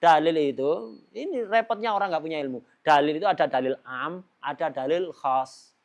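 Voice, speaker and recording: High-voiced man teaching with rhetorical questions. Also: normal speed, lo-fi sound. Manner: emphatic, frequent rhetorical questions to listeners; mixes casual speech with Arabic phrases. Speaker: religious teacher. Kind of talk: religious study lesson.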